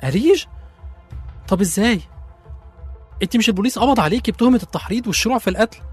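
A man's voice: high-pitched, very fast, breathy edge, faint music behind. A man with an Egyptian accent playing a young businessman who stammers in disbelief. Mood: shocked. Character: shocked young businessman betrayed by colleagues. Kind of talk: radio drama acting.

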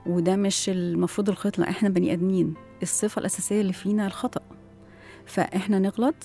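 A woman's voice: mid-range voice, steady tone, racing, vocal fry, warm tone, soft background music. A woman with an Egyptian accent, a guest education expert, explaining her ideas in an interview and often asking rhetorical questions. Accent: Egyptian Arabic.

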